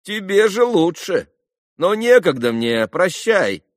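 A man's voice: sits high, sing-song, slow, no echo, studio quality, pitched above the performer's own voice, heavily acted. A man voicing a cocky, clever schoolboy who teases and questions people sternly, in a storybook reading.

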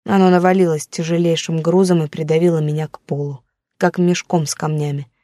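A woman's voice: deep voice, flat delivery, fairly quick, dark tone, dry recording, studio quality. A woman reading a first-person novel aloud in a tense, brooding narrating voice. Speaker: audiobook narrator.

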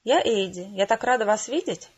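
A woman doing a squeaky starstruck young assistant. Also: animated, normal speed, breathy edge, highs cut off. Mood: eager. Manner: squeaky, gushing, shy. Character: eager timid young female assistant, starstruck.

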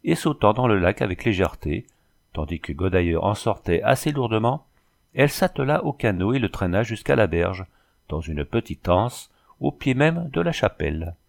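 A man reads an adventure novel aloud in a measured, dramatic manner. His voice sits low and carries a gravelly rasp. The reading is steady and deliberate. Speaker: narrator. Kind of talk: audiobook narration.

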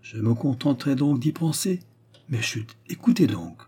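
A man voicing a proud, talkative forest warden, bright and eager in the reading of a novel. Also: medium pitch, expressive, moderate pace, breathy edge. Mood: brisk.

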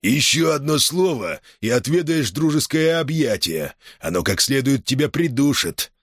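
A man's voice: medium pitch, sing-song, moderate pace, dry recording, studio quality, voice pushed up. A man voicing a stern, condescending jail commandant who makes menacing threats in an audiobook. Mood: threatening. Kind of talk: audiobook character voice.

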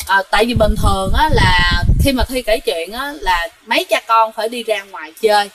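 Bright-voiced woman storyteller. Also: medium pitch, lively intonation, normal speed, low-quality recording. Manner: chatty, talks to listeners directly, many fillers. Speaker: ghost story channel host. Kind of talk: casual ghost-story storytelling.

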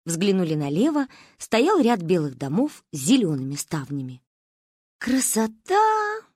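A woman reading a children's story aloud in a lively, expressive way. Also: low voice, normal speed, slightly rough, no echo, studio quality. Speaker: audiobook reader. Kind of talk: storybook narration.

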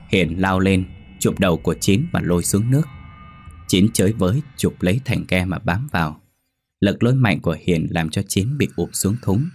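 A man narrating a ghost story in a steady, dramatic way. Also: deep voice.

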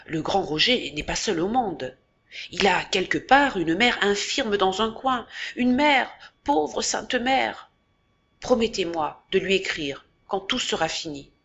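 A woman voicing a gruff, proud former soldier and fencing master in an audiobook, with a dull lo-fi sound. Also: fairly low pitch, measured pace, pushed and bright. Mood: grave. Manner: gruff, then grave and cold.

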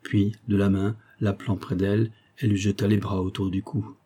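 A man narrating a novel in a calm, even reading voice. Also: on the low side, normal speed, husky. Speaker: audiobook narrator.

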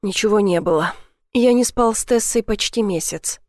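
A woman voicing a quiet, troubled young man in an audiobook, speaking softly and low-key. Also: normal speed, dry recording, studio quality, natural voice. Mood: shaken.

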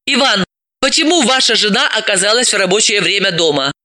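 A man voicing an anxious, quick-tempered woman psychoanalyst who speaks in a nervous, brisk way. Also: high voice, lively intonation, bright, forceful tone, full character voice.

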